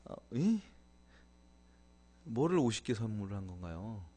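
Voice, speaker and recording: A man's voice: fairly low pitch, sing-song, a little slow, dark tone. Guy doing a casual live stream, chatty, keeps thanking viewers and laughing.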